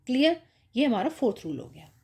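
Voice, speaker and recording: A woman's voice: sits high, big pitch swings, brisk, mellow. A woman teaching young children spelling rules, patient and repetitive, checking in often as she explains each word. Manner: patient, repeats with "ठीक है" and "है ना" checks.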